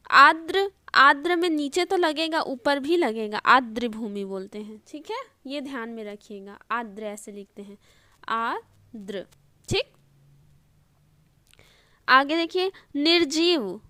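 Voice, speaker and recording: A woman's voice: high voice, bright, forceful tone, clear, resonant tone, no echo. A woman teaching an online spelling lesson, explaining step by step and repeating each word with frequent checks like "okay?". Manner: explains step by step, often repeating words and asking "ठीक है".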